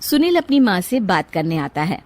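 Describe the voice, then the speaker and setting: A woman narrating an animated story in a plain, storybook way. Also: medium pitch, normal speed, no echo.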